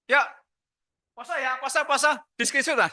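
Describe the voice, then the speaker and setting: A middle-aged man with a Javanese accent, a teacher hosting a school Zoom session in a lively, chatty way, mixing in Javanese words. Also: extremely high pitch, normal speed, no echo, studio quality. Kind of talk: casual hosting over Zoom.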